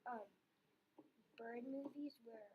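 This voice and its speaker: A woman answering questions in a reading lesson, hesitant and very slow, with a fairly high voice. Faint room noise sits underneath. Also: steady tone, dull audio. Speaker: student. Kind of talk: classroom answers.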